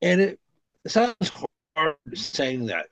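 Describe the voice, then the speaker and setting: A man's voice: on the high side, huge pitch swings, slow pace, a bit bright, no echo. A man co-hosting a political talk stream over a laptop call, hesitant and restarting his words, his audio choppy and cutting in and out over a weak connection. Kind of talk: casual political commentary. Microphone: laptop over a video call. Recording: dull lo-fi online call audio.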